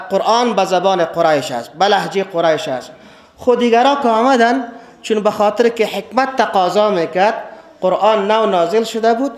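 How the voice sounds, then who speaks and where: A man speaking with an Afghan Dari accent gives a classroom lesson on scripture, with a fairly high voice. He talks slowly and repeats key words. He lifts his voice to stress points. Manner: slow, deliberate listing. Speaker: religious teacher. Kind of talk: classroom Quran lecture.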